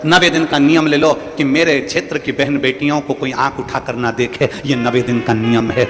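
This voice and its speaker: A man's voice: medium pitch, level tone, moderate pace. A man from central India preaching a devotional sermon to a crowd, piling up repeated phrases and prompting listeners to answer. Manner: repetitive rhetorical lists, prompts the audience to answer. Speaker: religious storyteller preacher. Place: large devotional gathering. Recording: long hall reverb with faint music.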